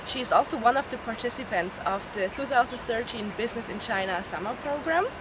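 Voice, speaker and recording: A woman's voice: fairly high pitch, animated, brisk. A woman interviewer asking polite, structured questions on a university campus. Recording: clear background noise.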